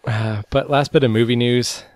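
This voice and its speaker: A man co-hosting a podcast, chatting casually and reading out news with a relaxed, rambling manner and a tired edge. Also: mid-range voice, moderate pace, no echo. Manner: relaxed, rambling, many fillers. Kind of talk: casual chat.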